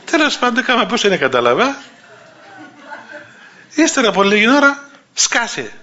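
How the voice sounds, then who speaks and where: A man's voice: very high voice, sing-song, sharp tone. A man preaching a sermon in a conversational storytelling manner, acting out the voices of the people in his stories. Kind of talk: sermon with anecdotes. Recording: dull lo-fi recording.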